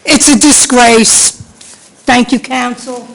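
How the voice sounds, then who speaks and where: Slow-spoken indignant woman in her sixties. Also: fairly high pitch, steady tone, vocal fry, poor audio. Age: 60s. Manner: indignant, pleading, repeats demands. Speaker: resident speaking at public comment. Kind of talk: public comment at a city council meeting. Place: council chamber.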